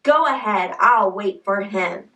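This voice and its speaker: A woman voicing a mean, hungry male troll who speaks gruffly and demands in a children's story. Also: mid-range voice, lively intonation, slow pace, bright, forceful tone, roomy sound, distant mic, exaggerated voice, poor audio.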